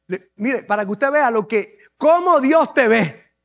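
A Puerto Rican man preaching a sermon as pastor, dramatically acting out scripture scenes with drawn-out emphasis. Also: extremely high pitch, animated, vocal fry, a bit bright. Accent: Puerto Rican Spanish. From Puerto Rico.

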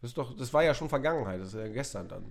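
A young man in a casual podcast chat, his voice mid-pitched and ordinary. He talks in a dry, grumbling deadpan, wandering through his thoughts. He sounds unhurried and unimpressed. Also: gravelly. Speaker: podcast co-host.

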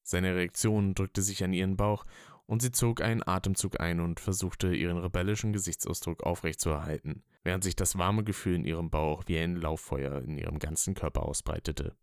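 A very low, smooth male voice gives a steady, even reading of a written story. The recording is brisk, dry and close, with no room sound at all.

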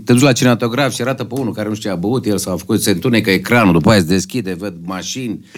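A man guest on a podcast, telling a funny story with lively asides and acted-out quotes. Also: fairly low pitch. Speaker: guest singer. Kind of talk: casual podcast chat.

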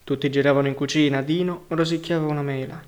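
Male audiobook narrator, higher-pitched, even literary reading. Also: fast. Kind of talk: novel reading.

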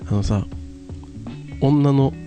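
A man's voice: medium pitch, very slow. A man chatting casually and telling an anecdote, acting out bits of remembered dialogue in casual slang. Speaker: radio talk show co-host. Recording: guitar music in the background. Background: guitar music.

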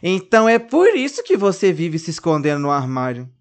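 A narrator voicing a small, lively girl who bosses her dolls around, in a high, expressive child's voice. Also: a little fast. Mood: carinhosa. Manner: fala aguda e expressiva de criança. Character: menina pequena, animada e mandona com os bonecos.

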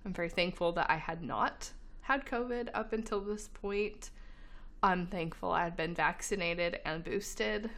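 Still a little stuffy from being sick, this podcast co-host chats casually, laughs a lot, and uses plenty of filler words. She speaks a little slowly in a lowish, fairly bright voice.

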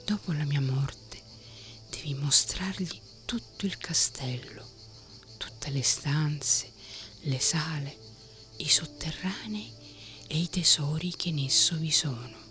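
A woman voicing a gentle, worried dying old king in a whispered role-play. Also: deep voice, faint music behind. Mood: anxious. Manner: soft, slow whispering.

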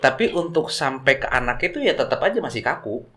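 A man's voice: medium pitch, very animated, fast talker, pushed and bright. Casual, teasing male podcast host. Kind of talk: casual chat interview.

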